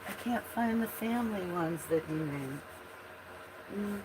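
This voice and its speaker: On a livestream, a man rambles casually about his drawings, drifting off mid-thought as he hunts for pieces. His voice is high, animated, and gravelly-froggy, and he takes his time while background noise runs underneath.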